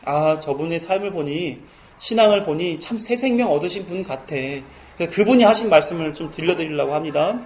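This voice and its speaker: High-voiced Korean pastor preaching earnestly. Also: male voice, lively intonation, brisk, a little mellow, a little hiss or hum. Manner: earnest preaching, rising to fervent emphasis. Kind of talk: sermon.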